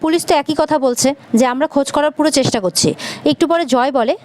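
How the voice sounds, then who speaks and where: Fast-talking high-voiced woman narrator. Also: a little mellow. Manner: rapid breathless retelling with quoted lines. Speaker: serial recap narrator. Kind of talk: fast episode recap narration.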